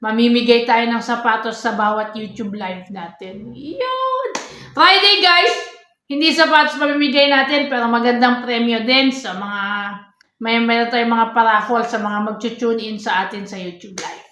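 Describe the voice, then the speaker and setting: A high, bright woman's voice talks casually to her viewers, walking them step by step through a sneaker. The room around her is echoey. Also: steady tone, moderate pace. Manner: chatty, addresses viewers often. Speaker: sneaker vlogger. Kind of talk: casual product walkthrough.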